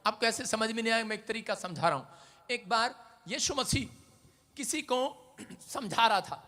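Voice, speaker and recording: A male pastor preaching a sermon, swinging between shouted calls to the congregation and quiet, quick storytelling. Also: extremely high pitch.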